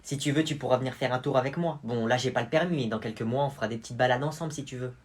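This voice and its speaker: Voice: racing, slightly rough, natural voice. Agnan, a smug rich schoolboy, as a sketch performer puts him on. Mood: boastful. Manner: low, hushed, smug murmur. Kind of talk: comedy sketch.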